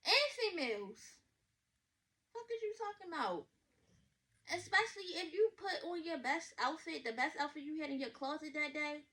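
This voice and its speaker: A woman, reacting to a story in blunt, sassy, animated casual commentary. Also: high voice, moderate pace. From Baltimore, USA. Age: 20s. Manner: blunt, sassy, loud and animated with slang and swearing. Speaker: vlogger reacting to a reader's story.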